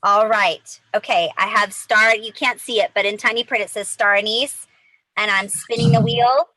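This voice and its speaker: A woman hosting a live giveaway in a hyped, excited announcing style, chatting directly to the viewers. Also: mid-range voice, normal speed, dry recording, rough recording. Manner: excited, chatty, addresses viewers as you guys.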